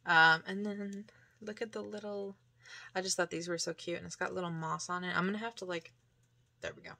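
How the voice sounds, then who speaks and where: A vlogger chats casually to camera while showing off a shopping haul, rambling with lots of fillers and laughs and occasionally slipping into soft, breathy asides. Her voice is fairly low and fairly even, and she speaks briskly.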